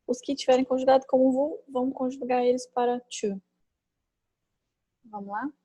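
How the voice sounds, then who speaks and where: Mellow-voiced woman teaching an online class. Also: sits high, fairly even intonation, moderate pace, no room sound, low-quality recording. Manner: chatty, thinking aloud, many fillers and tag questions. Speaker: French teacher. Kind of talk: online class, explaining grammar.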